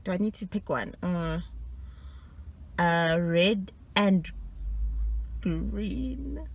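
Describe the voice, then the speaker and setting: Here is a woman who talks in an unhurried, drawn-out way, with a voice pitched somewhat low for a woman. She is chatting casually to camera and teasing herself playfully as she works through a quiz. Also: fairly even intonation. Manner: playful, self-teasing, laughs often between answers. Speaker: vlogger quizzing herself.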